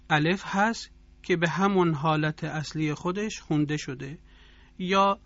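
A man teaching Quran recitation on a radio lesson, speaking in a measured way and drawing out example words slowly. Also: a little high, pushed and bright, no room sound, highs cut off. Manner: measured, drawn-out demonstration of words.

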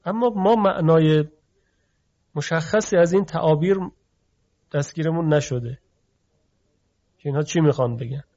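Man lecturing slowly on letter sounds, lo-fi. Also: fairly high pitch, darkish tone. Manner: explanatory, drawn-out emphasis on key terms, asks rhetorical questions. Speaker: teacher of Quran recitation phonetics. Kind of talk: classroom lecture. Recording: dull lo-fi recording.

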